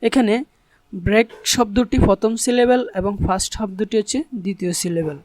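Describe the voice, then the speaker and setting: A man's voice: sits high, fairly quick, no echo. A man teaching English in an online tutorial. He explains patiently and spells words out letter by letter.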